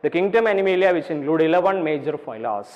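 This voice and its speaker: A man with a Malayali accent teaches a class in a fairly high voice, repeating himself and spelling words out letter by letter. He slows right down to dictate definitions. The audio is dull and carries a long echo. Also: animated. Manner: repetitive, asks and answers his own questions, spells terms letter by letter. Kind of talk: classroom lecture.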